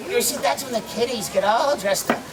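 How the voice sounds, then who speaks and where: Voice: mid-range voice, fairly quick, far from the mic, natural voice. A performer playing a jolly, mischievous Christmas gnome, teasing and exclaiming in theatrical live storytelling to a crowd. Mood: playful. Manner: playful, teasing, sing-song, exclaiming. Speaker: costumed storyteller. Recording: noisy outdoor crowd, voice from afar.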